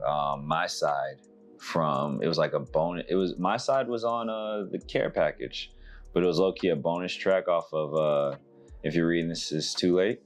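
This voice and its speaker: A man casually reviewing an album, rambling and laughing as he talks. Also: rumbling low. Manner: rambling, laughing, animated voices when quoting. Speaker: music reviewer.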